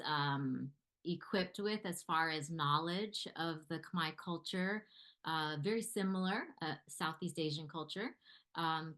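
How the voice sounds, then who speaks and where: A woman in her forties from California gives an earnest guest presentation in a webinar. She talks over a video call microphone and often searches for her next words. Her voice sits fairly low. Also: fairly bright tone. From California, United States. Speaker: guest speaker.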